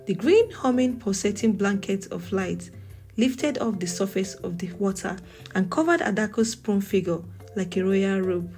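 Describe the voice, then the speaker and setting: Nigerian woman narrating a dramatic folktale. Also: mid-range voice. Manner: dramatic, measured storytelling. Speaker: storyteller. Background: faint music.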